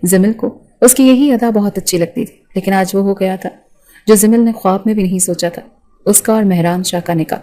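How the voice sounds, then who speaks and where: A woman narrating a romance novel with an even, storytelling delivery. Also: mid-range voice, poor audio.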